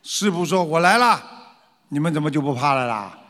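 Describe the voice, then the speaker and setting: A man's voice: on the high side, fast. A man giving a lecture to followers, asking rhetorical questions and acting out frightened voices. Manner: animated, acts out scared voices and rhetorical questions. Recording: long hall reverb.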